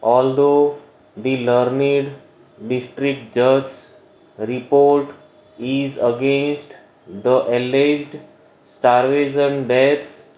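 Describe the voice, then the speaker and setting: Slow, echoey man dictating. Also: medium pitch, darkish tone. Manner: dictating in short separated phrases with pauses. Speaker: shorthand dictation instructor. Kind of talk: dictating a legal passage for shorthand practice. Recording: roomy, echoing voice recording.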